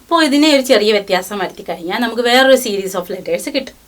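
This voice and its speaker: A woman giving a language lesson. She teaches patiently, reading each syllable out slowly and repeating it. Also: mid-range voice, lively intonation.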